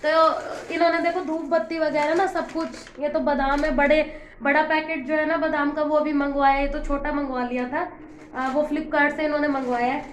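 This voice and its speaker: A high-pitched young woman talks through a casual home vlog voice-over. She keeps up a chatty, complaining run of storytelling, with a roomy echo around her voice from the room at home. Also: little pitch movement, a little fast, slight background noise. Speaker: home vlogger.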